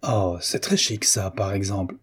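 A man's voice: deep voice, normal speed, husky. A male reader voicing a gushing, snobbish society man who praises everything English. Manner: effusive, admiring.

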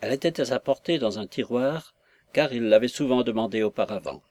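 A male narrator reading a classic novel aloud. His delivery is measured and steady, at a middle pitch. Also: no echo.

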